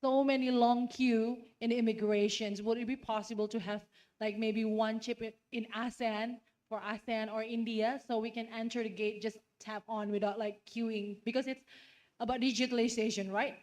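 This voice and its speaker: A woman's voice: a little high, level tone, normal speed, darkish tone. A young woman from Indonesia asking questions from the audience at a conference, in an informal, rambling way. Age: young adult. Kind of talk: question from the floor.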